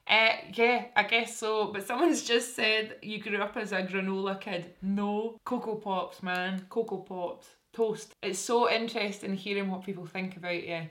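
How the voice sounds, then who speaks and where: A woman's voice: mid-range voice, steady tone, moderate pace, hardly any pauses, a bit bright. A young woman with a broad Scottish accent, chatting candidly and informally in a casual makeup vlog. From Scotland. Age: young adult. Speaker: beauty YouTuber. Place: indoors, small room with curtain backdrop.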